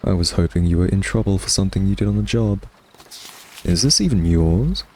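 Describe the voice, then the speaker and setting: A man's voice: low-pitched, animated, fairly quick, darkish tone, slight background noise. A man playing a smug male vampire in an ASMR roleplay, taunting a captured hunter with a sardonic, teasing, conversational drawl. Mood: amused snooping.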